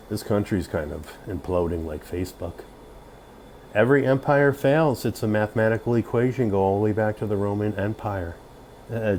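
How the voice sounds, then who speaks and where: A man's voice: lowish voice, a little mellow, a little hiss or hum. A man in his fifties rambling drunkenly and boastfully in a casual livestream chat. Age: 50s. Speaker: livestream host.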